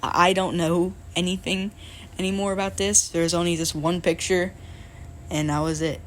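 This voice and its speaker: A woman's voice: on the low side, little pitch movement, moderate pace, a little hiss or hum. A young woman recounting her racing league's history in a rambling, unsure way, with a laugh now and then. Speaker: league member narrating history. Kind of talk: casual chat.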